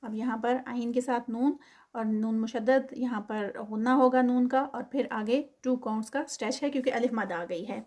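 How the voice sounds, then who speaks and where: A woman's voice: a little high, steady tone, darkish tone. A woman with a Pakistani Urdu accent teaching Quran recitation, who draws out each example word in recitation and then explains it carefully, mixing in English terms.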